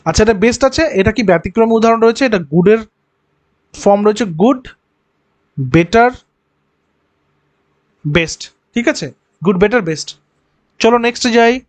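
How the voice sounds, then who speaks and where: A man's voice: high voice, animated, moderate pace, pauses often, dry recording. A male teacher giving an exam-prep grammar lesson, explaining step by step and asking rhetorical questions.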